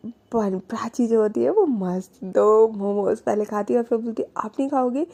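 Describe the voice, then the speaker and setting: A woman's voice: on the high side, moderate pace, gravelly, warm tone. A woman narrating a romance story in a chatty, casual way, dropping in English words and lots of "like". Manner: chatty, mixes English words, many fillers like "like".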